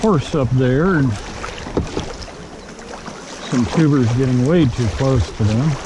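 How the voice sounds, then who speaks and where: A man chatting casually while paddling a kayak on a river, talking in a relaxed, halting way with fillers, recorded by a camera on the boat's bow. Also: mid-range voice. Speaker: kayaker filming his float. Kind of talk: casual chat on the water. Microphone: action camera on the kayak bow. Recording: loud water and wind noise on a boat camera. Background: rushing water and wind.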